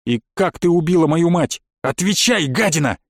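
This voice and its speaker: A man's voice: a little high, lively intonation, normal speed, no echo, studio quality. A man as an angry defiant young hero. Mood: angry defiance. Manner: hissing, shouting insults.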